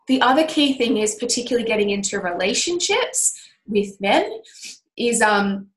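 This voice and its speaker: A relationship coach with a cold answers listener questions, offering earnest, reflective advice in a casual way. Her scratchy, nasal voice is mid-range, and the sound is roomy.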